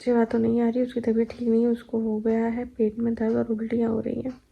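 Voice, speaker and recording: Tired young woman with a gravelly voice. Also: fairly high pitch, completely flat delivery, a little fast, muffled recording. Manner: chatty, laughing, recounting daily life. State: heavily pregnant and tired. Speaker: vlogger. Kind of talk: casual chat. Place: home.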